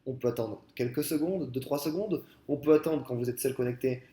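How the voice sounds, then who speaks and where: A man talking through a software tutorial in a casual, explanatory way, with many fillers and restarts, speaking into a headset. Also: medium pitch, brisk, roomy sound. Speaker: software trainer. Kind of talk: screen-recorded software tutorial.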